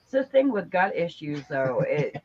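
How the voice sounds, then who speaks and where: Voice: mid-range voice, sing-song, normal speed, muffled recording. A speaker in a casual chat, easygoing and supportive.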